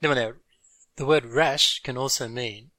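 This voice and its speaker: A man's voice: medium pitch, slow pace, sharp tone, dry recording. A man co-hosting a casual podcast, patiently explaining English words and mixing Japanese with fluent English. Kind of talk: casual bilingual podcast chat.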